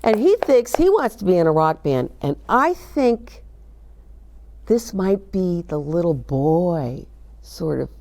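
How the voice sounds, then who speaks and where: The voice belongs to an older woman, lowish and mellow, who hosts a children's story time. She reads picture books aloud, chats about them expressively, and asks the young listeners questions.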